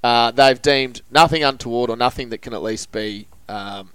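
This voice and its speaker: A man's voice: mid-range voice, moderate pace, a bit bright, clear, resonant tone, no room sound, rough recording. An Australian man hosting a casual footy show, chatting in a blokey, matey way full of local slang. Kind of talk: casual sports banter.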